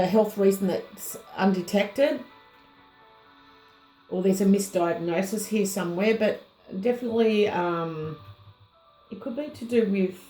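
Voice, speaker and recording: A woman giving a casual tarot reading, slightly hoarse and unhurried, pausing often with ums as she muses over the cards. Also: medium pitch, a little mellow, reverberant, rough recording. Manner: unhurried, musing, many ums and pauses. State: slightly hoarse, losing her voice. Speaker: tarot reader.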